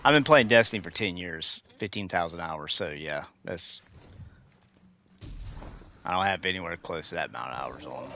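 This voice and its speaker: A livestreamer in his forties chats casually with his viewers while gaming, rambling and restarting his sentences. His low voice is animated, bright and forceful, at normal speed with long pauses. Slight background noise can be heard.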